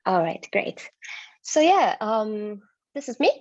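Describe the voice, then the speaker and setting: Her voice sits at medium pitch and sounds very animated yet slow and a little mellow, without echo. She's an agency founder from Turkey, appearing as a guest speaker to give a slide presentation online, full of fillers and hesitation. The audio from her video call mic is dull and dry.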